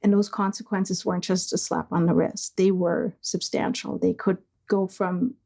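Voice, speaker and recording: A middle-aged woman from East Germany, speaking slowly and hesitantly as a guest, with many pauses and fillers. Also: lowish voice, little pitch movement, gravelly, dark tone. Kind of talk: reflective conversation.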